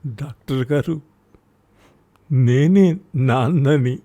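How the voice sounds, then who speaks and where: A man voicing a desperate middle-aged farmer who shouts urgently in a raised, high voice. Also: extremely slow, vocal fry, full character voice. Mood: tearful.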